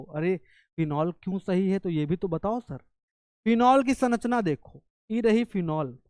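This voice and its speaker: A man's voice: sits high, a little mellow, smooth, no echo, clean studio sound. A male chemistry teacher, coaching students through exam questions, coaxing and scolding, often asking their questions back in his own voice. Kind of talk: exam-prep lesson.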